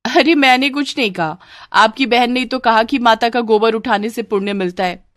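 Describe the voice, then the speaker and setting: A woman's voice: fairly high pitch, normal speed, a bit bright, no echo, studio quality, pitched above the performer's own voice, natural voice. A woman voicing a witty young new bride who answers back with teasing, mock-innocent remarks. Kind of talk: Hindi storybook voice acting.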